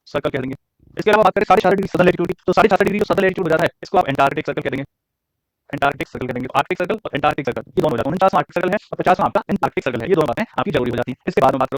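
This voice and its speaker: A man teaching a geography lesson at a rapid clip, firing questions at his listeners and repeating each answer so they can copy it down. His voice sits a little high for a man. The sound is dry and close, with no room echo. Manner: repeats answers for note-taking; drawls out English question phrases.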